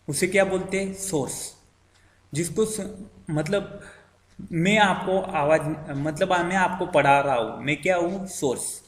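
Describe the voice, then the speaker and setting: A male physics teacher talks through a syllabus overview, asking questions and answering them himself and repeating key terms with many fillers. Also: fairly high pitch. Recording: echoey room with long reverb.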